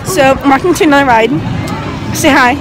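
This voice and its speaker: A young woman with a high voice tells a gossipy, blunt story and giggles along the way. She walks outdoors through an amusement park holding her phone, with a busy crowd and park music behind her. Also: fairly quick, rough recording. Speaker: vlogger. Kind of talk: casual storytelling.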